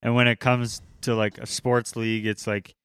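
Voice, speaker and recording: A man's voice: mid-range voice, little pitch movement, normal speed, a bit bright, slight background noise. A man in casual chat, talking loosely with slang and swearing.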